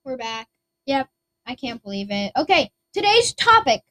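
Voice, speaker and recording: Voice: sits high, very animated, moderate pace, sharp tone, faint music behind. A podcast co-host chatting casually, giggling and losing her train of thought. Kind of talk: casual chat.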